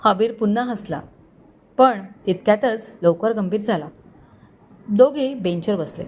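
A woman storyteller reading a romantic story aloud in a steady, expressive way. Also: mid-range voice, unhurried. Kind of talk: scripted story narration.

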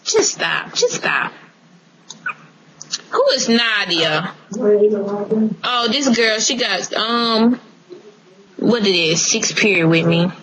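A woman's voice: medium pitch, slow, pauses often, fairly bright tone. A woman chatting casually on a phone call, sassy and insistent as she argues. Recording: phone call with faint background noise.

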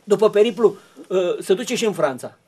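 A man's voice: high voice, expressive, darkish tone, breathy edge. A man on a television talk show, explaining history in long, rambling turns full of fillers and restarts.

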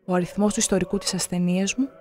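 A narrator reading scripted documentary passages in a measured, solemn way. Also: mid-range voice, fairly even intonation, mellow, a little hiss or hum.

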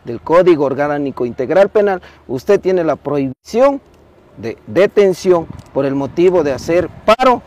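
A man playing a police officer who speaks formally and insistently, repeating calming phrases during a heated confrontation. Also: fairly high pitch, moderate pace, slight background noise.

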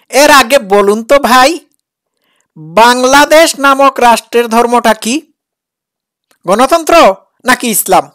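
A woman with a high-pitched, slightly bright voice reacts to a preacher's clip as a critic. Her commentary is mocking, sarcastic, and challenging.

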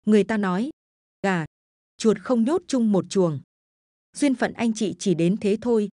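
A woman voicing a scheming village woman who coaxes gently, in a storytelling reading. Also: mid-range voice, unhurried, no echo, studio quality, natural voice. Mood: coaxing. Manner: coaxing, then yelling scoldings. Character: scheming village woman, sweet-talking then harsh. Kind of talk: storytelling voices.

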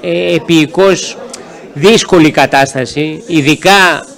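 Slightly high-voiced councillor, hesitant. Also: male voice, creaky, a bit bright. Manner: hesitant, with fillers, explains procedure. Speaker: city councillor. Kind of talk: formal council remarks. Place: council chamber.

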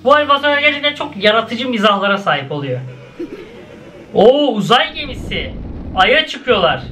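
A man's voice: sing-song, normal speed, pushed and bright, slight background noise. A young man casually commenting as he reacts to cartoon clips, often exclaiming and laughing. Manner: exclaiming, laughing, swings between high and low.

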